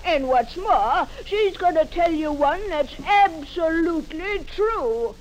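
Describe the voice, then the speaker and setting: Old Nancy, slow high-pitched cackling witch. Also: animated, full character voice. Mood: folksy, gleeful. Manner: cackling, folksy, archaic phrasing. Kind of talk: 1930s radio horror-host storytelling. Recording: noisy old radio recording.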